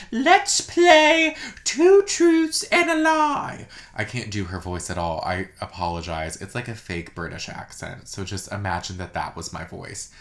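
A man's voice: low-pitched, a bit bright. Chatty gossiping man in an echoey room. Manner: chatty and gossipy, with many "like" fillers. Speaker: podcast host. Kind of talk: casual solo podcast chat.

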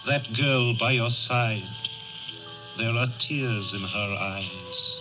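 An actor playing a solemn, probing spirit, stately and commanding, in vintage radio drama style. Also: male voice, mid-range voice, slow, lightly acted, rough recording. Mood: solemn, accusing. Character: solemn, probing male ghost of Christmas past. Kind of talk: 1930s radio drama acting. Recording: old radio broadcast over loud music.

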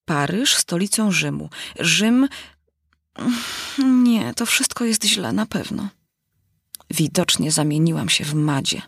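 A woman's voice: on the low side, expressive, slow, vocal fry, breathy edge, no echo, studio quality, exaggerated voice. A woman reading aloud, voicing a curious, fretful little girl who wonders aloud with dramatic sighs. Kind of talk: storybook reading.

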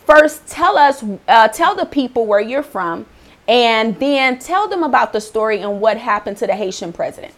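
Animated chatty woman hosting a talk show. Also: a little high, normal speed. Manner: chatty and animated, laughs often. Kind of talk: casual faith-based chat.

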